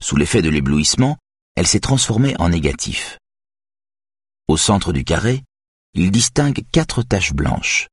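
Deep-voiced, husky man narrating an audiobook. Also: sing-song, unhurried, no echo, studio quality.

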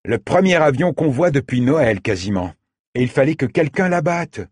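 A man voicing an earnest, cautious boy who turns excitable. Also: mid-range voice, moderate pace, slightly rough, no echo, studio quality, pitched above the performer's own voice.

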